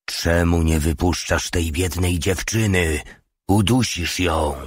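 Brief: gruff older soldier, deep and slow as a man reads him, curt and commanding. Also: steady tone, no echo, full character voice. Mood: stern. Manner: curt, scolding.

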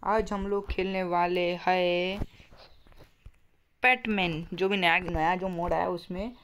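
A young man commentating a video game for his channel, talking very softly and breaking into excited yelps and frustrated groans as he plays. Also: high-pitched, slow, slight background noise. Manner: speaking very softly on purpose. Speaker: gaming YouTuber.

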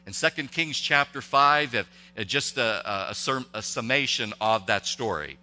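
Male pastor, intense and tense-toned, folksy halting sermon delivery, long church-hall reverb. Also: medium pitch, animated, sharp tone. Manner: conversational, halting, many restarts and rhetorical questions. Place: church sanctuary.

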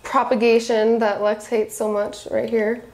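A woman's voice: a little high, little pitch movement, unhurried, a little mellow. A woman in her twenties giving a gushing, casual house tour of her small apartment. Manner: bubbly, gushing, says cute a lot. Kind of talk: casual chat. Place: small apartment kitchen and living room, indoors.

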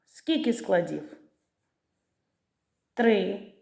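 A woman teacher giving a literacy lesson to young children, pronouncing words slowly and stretching out the syllables. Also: mid-range voice, expressive, creaky, mellow. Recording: echoey room.

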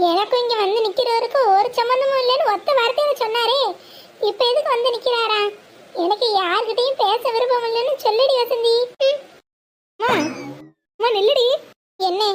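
A woman with a very high, bright voice acts out a rural family drama, jumping between characters in fast, emotional dialogue. Faint background noise sits under the recording. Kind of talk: village family drama, voicing many roles.

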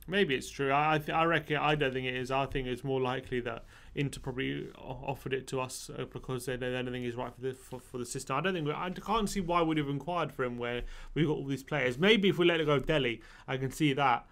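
A young man talks football from behind a desk mic in a small studio. His voice is mid-pitched and casual, full of restarts, and grows animated when he gets heated. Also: fast talker, creaky, hardly any pauses. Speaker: football fan channel co-host. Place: small studio with brick wall. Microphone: desk microphone.

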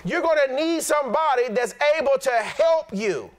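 High-pitched, lively, blunt preacher man. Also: moderate pace. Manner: animated preaching, plain-spoken and blunt. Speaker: pastor. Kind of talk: sermon.

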